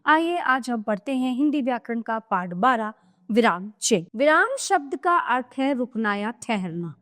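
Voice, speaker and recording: A woman's voice: fairly high pitch, animated, a little slow, a bit bright. A woman teaching a grammar lesson to young children, explaining patiently and checking in with them as she goes. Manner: explains patiently, repeats and checks with "thik hai".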